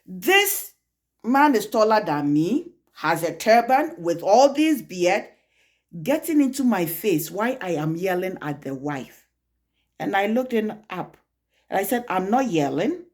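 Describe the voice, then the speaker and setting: A woman's voice: mid-range voice, big pitch swings, unhurried, darkish tone. A woman from Africa, recounting a confrontation in a vlog with indignant, emphatic outbursts. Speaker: vlogger. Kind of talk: storytelling vlog.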